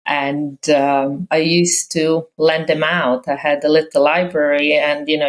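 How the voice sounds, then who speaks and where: In a rough recording, a woman from Croatia in her fifties talks about her past as a podcast guest, in English she acquired as a later language. She has a very low voice for a woman. Her casual interview manner is thoughtful, full of pauses, fillers and false starts.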